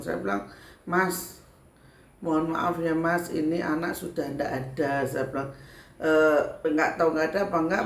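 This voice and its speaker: Javanese woman, spiritual medium vlogger, gravelly, chatty storyteller, echoey room. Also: sits low. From Sragen, Central Java, Indonesia. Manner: chatty, loops back with filler tags. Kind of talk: casual storytelling to viewers. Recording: echoey room with faint background ambience.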